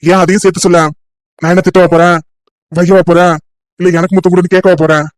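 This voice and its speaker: A woman voicing a gruff, impatient young village man who talks in a dismissive, scolding way in a cartoon love story. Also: fairly low pitch, little pitch movement, fast, darkish tone, no echo, pitched below the performer's own voice, close to an everyday voice. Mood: teasing.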